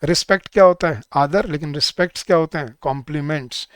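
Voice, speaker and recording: Indian male tutor, fairly high, smooth voice, dry close sound, explains by asking quick questions and answering them. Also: no room sound. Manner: mixes Hindi with English example sentences. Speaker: English teacher. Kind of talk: online exam-prep lecture.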